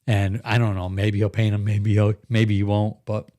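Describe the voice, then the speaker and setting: A man's voice: lowish voice, little pitch movement, normal speed, warm tone, no room sound, clean studio sound. A middle-aged man hosting a live podcast stream in a rambling, chatty way, laughing often and reading viewer comments aloud. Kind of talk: casual live-stream chat.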